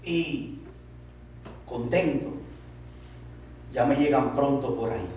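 A man's voice: mid-range voice, slow pace, a little mellow, slight background noise. A male pastor preaching a sermon, telling a story with laughs and asides to the congregation. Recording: echoey church hall, distant mic.

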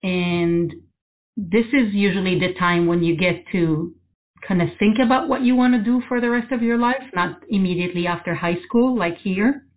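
A woman, answering interview questions as an architect in a thoughtful way with many pauses and restarts. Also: medium pitch. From Israel. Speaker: guest architect. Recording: phone-like narrow sound.

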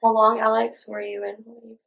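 A woman's voice: fairly high pitch, level tone, brisk, gravelly, a bit bright, poor audio. A woman interviewing a guest in a casual conversation, asking curious, probing questions.

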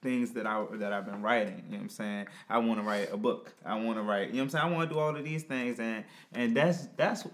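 A man's voice: on the low side, fast, hardly any pauses. A young adult man co-hosting a casual podcast chat, laid-back and rambling with lots of fillers. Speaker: podcast co-host.

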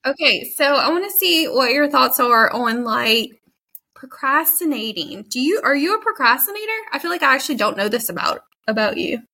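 A woman's voice: sits high, sing-song, normal speed, bright, forceful tone. A woman in her thirties co-hosting a podcast, chatting casually and animatedly with lots of "like" and frequent giggles. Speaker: podcast co-host. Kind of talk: casual chat.

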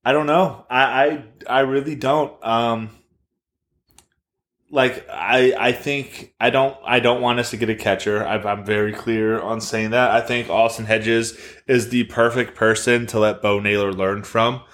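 A man's voice: medium pitch, steady tone, measured pace, fairly bright tone. A man co-hosting a podcast, giving thoughtful, detailed explanations in casual sports chat. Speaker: podcast co-host.

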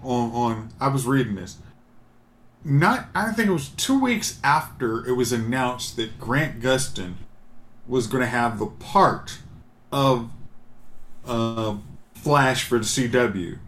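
A man's voice: medium pitch, takes it slowly, a bit bright, a little hiss or hum. A man in casual podcast chat, rambling and opinionated as he thinks aloud. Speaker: podcast co-host. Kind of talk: casual chat about superhero movies.

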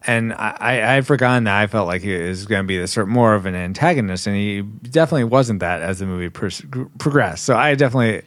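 A man's voice: on the low side, lively intonation, fast, few pauses, fairly bright tone, dry recording. Chatty man hosting a movie chat. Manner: chatty, many restarts and fillers. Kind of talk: casual movie discussion.

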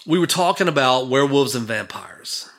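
A man's voice: medium pitch, expressive, normal speed, fairly bright tone. A man in his fifties, a church minister, telling a personal story in a rambling, conversational way. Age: 50s.

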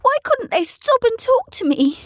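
A woman's voice: very high-pitched, big pitch swings, moderate pace, no room sound, clean studio sound, pitched above the performer's own voice. Velveteen Rabbit, a woman voicing a timid little toy. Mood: pleading.

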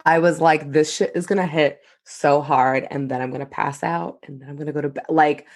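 A young woman co-hosting a podcast, telling animated stories and swearing freely in casual chat. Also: low voice, a little fast. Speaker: podcast co-host.

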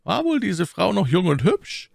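A man's voice: high voice, huge pitch swings, a little slow, creaky, a little mellow, dry recording, clean studio sound, voice pushed up, exaggerated voice. A man putting on a sly, silky old cardinal. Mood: probing. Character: scheming older male cardinal, sly and probing. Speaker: audiobook reader.

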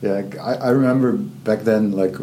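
A man's voice: on the low side, moderate pace, dark tone, slight background noise. A man hosting an interview, asking curious, easygoing questions. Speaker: interview host. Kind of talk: casual interview chat.

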